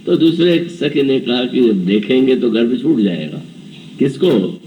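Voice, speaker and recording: A preacher in his seventies delivers a devotional scripture discourse, telling the story, voicing characters' dialogue, and chanting verses. His mid-range voice is animated at a measured pace. The mic is distant, the sound lo-fi with slight background noise.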